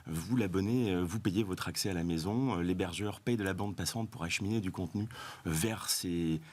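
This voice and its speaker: A man interviewed as a guest on a TV set, explaining his case in an assured, fast-flowing way. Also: low voice, darkish tone. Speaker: telecom company president, guest.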